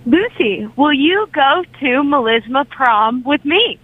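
A woman calling in to a show over the phone, talking in an excited, bubbly way. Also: sits high, slow. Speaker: caller. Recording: tinny phone line.

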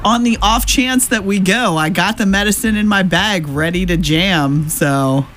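A woman's voice: mid-range voice, a little slow, fairly bright tone. Playful woman chatting over faint music. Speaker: show co-host. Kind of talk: casual playful chat.

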